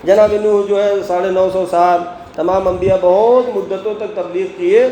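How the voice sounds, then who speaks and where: A man's voice: sits high, steady tone, dark tone. A man preaching a Friday sermon, asking the congregation questions and answering them himself, with recited Quranic verses. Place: mosque. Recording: echoey mosque hall, faint background noise.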